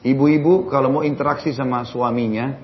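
A man's voice: mid-range voice, steady tone, a little fast. A man preaching and answering religious questions in a jokey lecture full of rhetorical questions. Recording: dull recording, faint crowd and noise.

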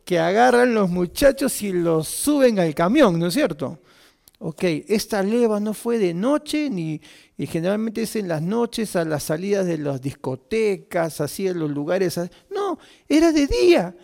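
A man tells a story from his own life to a listening audience. His voice sits high for a man and carries a gravelly edge. He talks in a lively way, dropping into quiet asides and rising to loud peaks. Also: measured pace. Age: 50s. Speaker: speaker telling a personal story. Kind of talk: animated personal storytelling to an audience.

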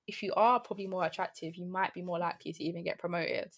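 A woman's voice: lowish voice, steady tone, quick pace. A young woman hosting a podcast in casual, slangy, jokey chat. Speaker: podcast host.

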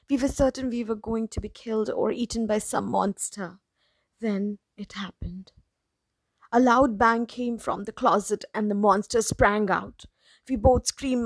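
A woman narrating a first-person story in a steady, even storytelling voice. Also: medium pitch, gravelly, dry recording, poor audio.

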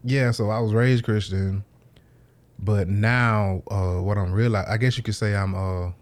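Laid-back low-voiced man talking casually. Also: steady tone, measured pace. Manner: laid-back, rambling, laughs often. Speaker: podcast host. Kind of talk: casual conversation.

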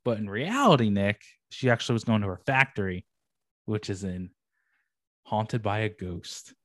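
A man's voice: lowish voice, expressive, normal speed, a bit bright, no echo, studio quality. A young man co-hosting a podcast, chatting casually and animatedly with lots of slang and casual swearing. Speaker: podcast co-host. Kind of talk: casual chat reviewing anime.

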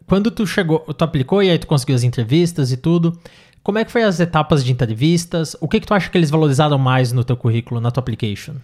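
A woman's voice: sits low, expressive, quick pace, a little mellow. A woman hosting a casual interview, asking questions in informal phrasing with short affirming replies. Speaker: podcast host, interviewer.

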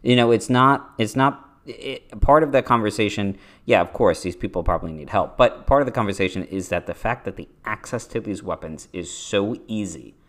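A man's voice: fairly low pitch, lively intonation, moderate pace, few pauses. A man co-hosting a podcast, explaining politics point by point in casual commentary, with frequent fillers. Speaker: podcast co-host.

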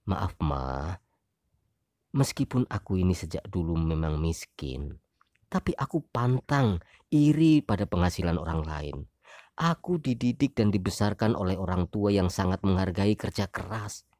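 A woman voicing a weary young husband in an audio story, speaking low and measured. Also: expressive, warm tone, no echo, studio quality. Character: weary young husband, calm then heated.

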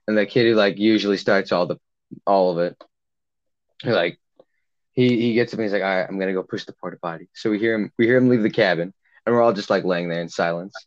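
A young man spins a long camp story in a loose, rambling way, filling every gap with "like" and slipping into the voices of the people in it. His voice sits low, and the recording sounds a little dull and lo-fi. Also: fast. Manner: rambling, heavy use of "like", acts out quotes. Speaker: podcast co-host. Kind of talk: casual storytelling chat.

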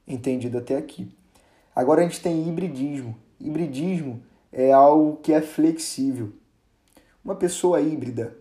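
A man teaching a casual grammar lesson, chatty and relaxed, with many fillers and restarts, drawing out example words for emphasis. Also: mid-range voice.

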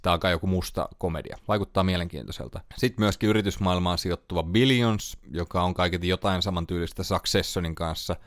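Man, podcast host, very low voice, dead dry close sound, chatty, thinks aloud. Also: no echo. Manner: chatty, thinks aloud, trails off and corrects himself. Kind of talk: casual solo podcast review.

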